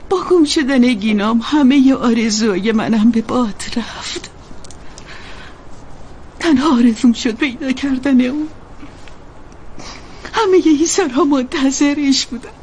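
A woman voicing a worried aging mother in a dubbed TV drama, soft-spoken and tender. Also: sits high, a little hiss or hum.

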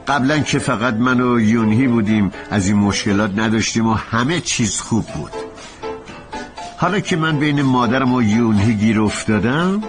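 Brief: actor as a flustered young husband who stammers, music underneath. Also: male voice, mid-range voice, lively intonation, natural voice. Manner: hesitant, stammering. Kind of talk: Persian dub of a TV drama.

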